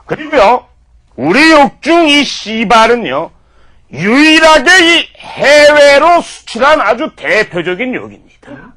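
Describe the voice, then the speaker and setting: A man's voice: extremely high pitch, very animated, takes it slowly, pushed and bright. A man giving a mock-formal comedy lecture, peppered with profanity.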